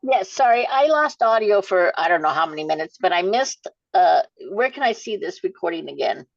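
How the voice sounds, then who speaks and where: A polite, apologetic woman calls in with a question. Her voice is gravelly, and the call audio sounds dull and dry. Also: medium pitch, expressive, moderate pace, dry recording. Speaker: caller asking a question.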